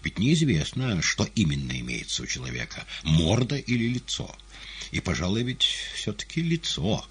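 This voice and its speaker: Audiobook: a man doing a husky, twitchy, fastidious patient, whispery and pleading. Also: sits low, big pitch swings, voice pushed up, exaggerated voice. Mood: reproving. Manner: anxious, pleading, drops to a whisper. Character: nervous, gentle, fastidious male hospital patient.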